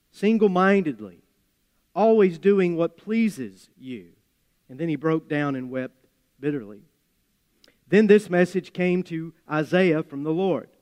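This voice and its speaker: Appalachian preacher, higher-voiced man in reverberant hall. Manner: measured, deliberate phrasing with emphatic pauses and folksy asides. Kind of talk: sermon with scripture reading and storytelling.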